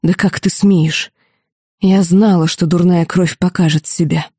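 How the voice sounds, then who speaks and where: Audiobook: an icy, contemptuous elderly matriarch, played by a woman, dark mellow tone. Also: lowish voice, fairly even intonation, a little slow, breathy edge, no room sound, clean studio sound. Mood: cold. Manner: cold, contemptuous. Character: haughty stern elderly noblewoman, grandmother.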